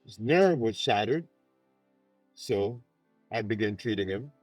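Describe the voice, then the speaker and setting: Man telling a story with lively pitch. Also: slightly rough, no echo, faint music behind. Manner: retells dialogue in a plain, unhurried way. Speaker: interviewee in archive clip. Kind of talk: casual storytelling.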